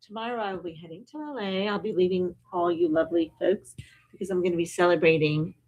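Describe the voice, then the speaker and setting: A woman's voice: fairly low pitch, fairly even intonation, fast talker, lo-fi sound. An older woman chatting casually on a podcast, laughing often and telling stories with animation, recorded outdoors at a desert estate. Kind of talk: casual chat.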